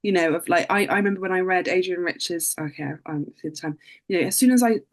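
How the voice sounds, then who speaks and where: Panel author: woman, a bit low, thoughtful, full of "kind of" fillers. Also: fast. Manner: thoughtful, many "you know" and "kind of" fillers. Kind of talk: panel discussion.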